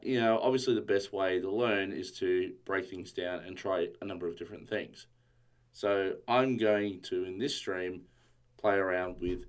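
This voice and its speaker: A man with a voice on the low side streams a casual coding tutorial, thinking out loud and reading through documentation. His voice sounds a little strained from yelling.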